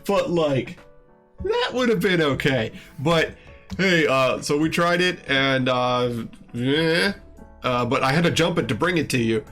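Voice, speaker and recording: A man's voice: on the high side, expressive, a little slow, a bit bright, soft background music. A man streamer in casual chat, joking and slipping into mock-stern scolding.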